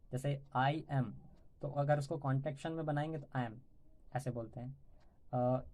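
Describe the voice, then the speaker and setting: A man with a dark, mellow tone teaches vocabulary at a relaxed conversational pace. He explains each word patiently and keeps checking in with his listeners, the way a tutor walks students through a lesson. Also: mid-range voice. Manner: sings song lines softly and slowly.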